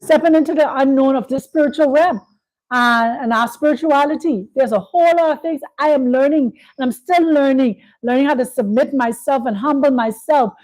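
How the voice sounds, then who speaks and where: A woman's voice: high-pitched, normal speed, a little mellow, low-quality recording. A woman hosting a spiritual talk, speaking in a preachy way, repeating phrases and checking in with "you see?". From Bahamas. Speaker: host. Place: Kenya.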